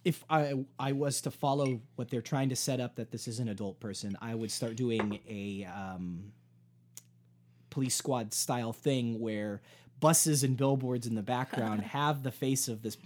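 A man with a mid-range voice co-hosts a podcast in relaxed conversation. He talks at length, working through comedy ideas in a thoughtful way. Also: medium pitch, normal speed, slight background noise. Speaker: podcast co-host. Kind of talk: casual chat.

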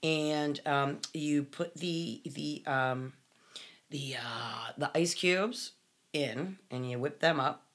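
A woman with a low voice co-hosts a podcast, talking in an easy, chatty way. She fills her pauses with ums and often restarts her sentences. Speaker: podcast co-host. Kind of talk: casual chat.

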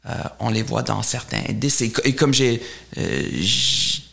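A middle-aged man from Germany speaking French as a second language with a German accent, answering interview questions in a halting way, often repeating words. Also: mid-range voice, steady tone, gravelly, sharp tone. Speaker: portfolio manager, interview guest.

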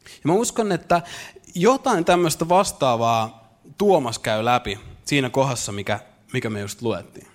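A man's voice: mid-range voice, expressive. A young man preaching in a playful, way, with a style casual speech, repeating words as he builds each point. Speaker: pastor. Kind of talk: conversational sermon.

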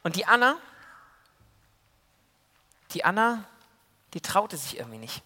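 Man telling a lively story in a sermon. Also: sits high, measured pace, long reverb tail. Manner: lively storytelling, swings between loud and hushed. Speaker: preacher. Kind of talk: sermon told as a children's story. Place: church.

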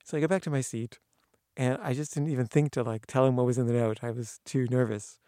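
Telling a casual story about himself, a man gets animated, voicing the people he quotes and often restarting haltingly. His pitch is medium, and the studio sound is clean with no echo.

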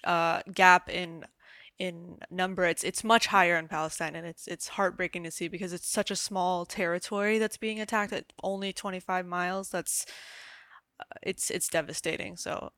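A young woman from the United States speaks as a guest on a radio interview. Her voice sits a little low, and she talks earnestly with fillers and restarts. The recording is dry and close. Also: bright, forceful tone, no echo. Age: young adult. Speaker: community organizer guest.

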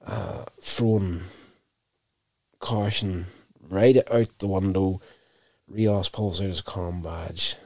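A man casually recapping a TV episode, telling it in an unhurried, self-correcting way. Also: sits low, fairly even intonation, a little mellow, no room sound.

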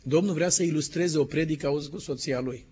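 Husky-voiced pastor preaching a sermon. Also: male voice, on the high side. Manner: emphatic preaching, dropping to a hushed tone for tender moments. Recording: dull lo-fi sermon recording.

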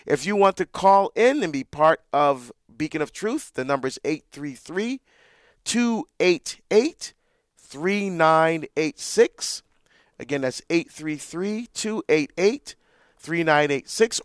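A man's voice: a little high, dry recording, clean studio sound. Earnest Barbados-born man hosting radio. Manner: earnest, warm storytelling with frequent restarts. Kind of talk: live call-in radio talk.

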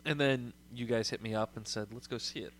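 A man co-hosting a casual chat among friends, who gets animated and laughs while retelling movie scenes. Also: mid-range voice, brisk, slight background noise. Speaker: podcast co-host.

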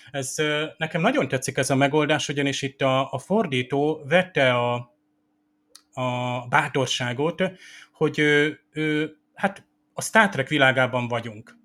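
A man hosting a podcast, giving solo commentary on a TV episode and pausing often on filler sounds. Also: mid-range voice, sharp tone. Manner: hesitant, many filler sounds. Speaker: podcast host.

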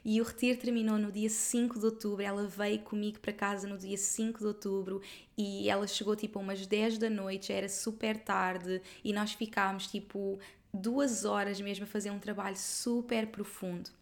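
A young adult woman from Portugal with a European Portuguese accent, hosting a podcast and telling a personal story straight to her listeners in a heartfelt, earnest way, talking quickly with lots of fillers and repeated words. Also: mid-range voice, level tone. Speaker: podcast host.

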